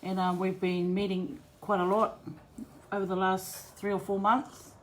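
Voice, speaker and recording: A woman's voice: medium pitch, little pitch movement, measured pace, rough recording. A middle-aged woman with a Māori New Zealand English accent, giving a casual, plain-spoken personal account as an interviewee, with Māori words mixed in. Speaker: interviewee telling her family's story. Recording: clear background noise and ambience.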